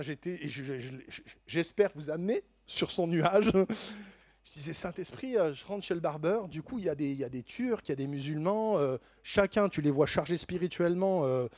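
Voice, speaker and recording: High-voiced man telling a lively testimony. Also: no echo. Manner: animated, laughing often, stammering repeats.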